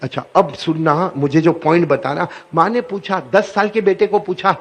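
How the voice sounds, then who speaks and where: A man preaching a sermon as a lively story, often prompting the audience to repeat after him. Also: high-pitched.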